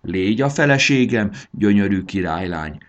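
A man's voice: lowish voice, lively intonation, muffled recording, lightly acted. A man voicing a lovesick, gluttonous male dragon who courts a girl, in a pleading, sheepish manner. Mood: courting.

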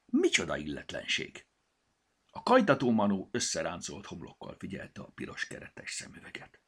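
A man reading a children's audiobook aloud, expressive and storytelling. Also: low-pitched, gravelly, husky. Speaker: narrator.

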